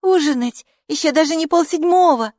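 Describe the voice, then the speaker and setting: A woman's voice: fairly high pitch, normal speed, dry recording, clean studio sound, voice pushed up, close to an everyday voice. Woman voicing an eager schoolgirl sister. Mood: excited. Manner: eager, conspiratorial whispering. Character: excitable schoolgirl, the older sister.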